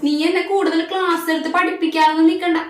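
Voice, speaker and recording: A woman's voice: extremely high pitch, little pitch movement, quick pace, slight background noise. Woman playing a sneering mother-in-law. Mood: scornful. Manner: sneering, calls her daughter-in-law names. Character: scornful older mother-in-law, harsh and taunting. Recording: echoey room, voice off-mic.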